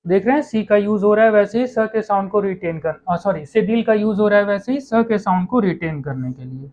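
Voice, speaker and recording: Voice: medium pitch, lively intonation, fairly quick, a little mellow, lo-fi sound. A teacher giving an online lesson on French pronunciation, speaking patiently, often saying "okay" and correcting small slips.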